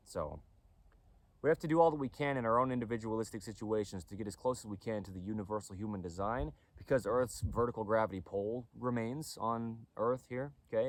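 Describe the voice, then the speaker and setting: Speaking in a lowish voice with no echo, a clothing company owner lectures informally to camera on body mechanics. He tends to repeat things and keeps stopping to ask "okay?" as he explains anatomy.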